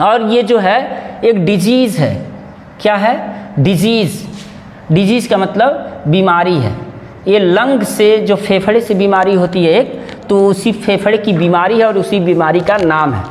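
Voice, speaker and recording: Slow, high-voiced man teaching in an echoey room. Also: a little mellow, slight background noise. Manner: slow, repeats and spells out sounds; a little nervous. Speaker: English teacher. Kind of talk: casual Hindi-language grammar lesson. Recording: echoey room with long reverb.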